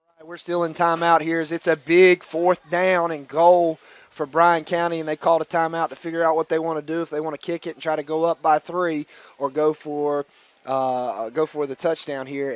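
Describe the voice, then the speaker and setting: A man doing play-by-play for a local radio football broadcast from the press box booth, talking nervously and excitably, coughing now and then. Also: a little high, no room sound.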